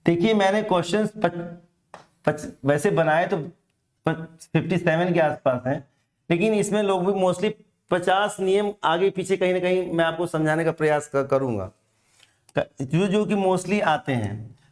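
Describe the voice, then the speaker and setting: Male grammar teacher, higher-pitched, deliberate, stretches out example words, asks and answers his own questions. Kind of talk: exam-prep grammar lesson.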